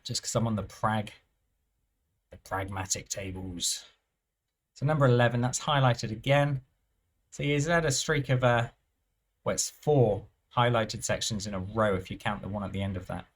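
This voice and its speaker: A man talks through live roulette play in a thinking-aloud commentary, his voice sitting on the low side. He muses at an unhurried pace, trailing off and restarting his phrases as he works things out. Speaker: roulette strategy presenter.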